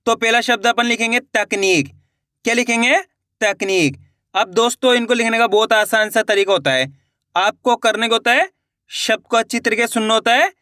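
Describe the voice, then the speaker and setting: Bright-voiced male Hindi spelling teacher. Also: high-pitched, dry recording, clean studio sound. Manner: repeats each word and asks pupils questions. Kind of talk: slow, syllable-by-syllable spelling lesson.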